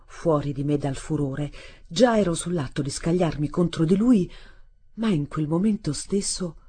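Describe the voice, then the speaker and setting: A woman reading a literary novel aloud in a measured, expressive way. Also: sits low, slightly rough. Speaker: audiobook reader. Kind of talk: literary audiobook narration.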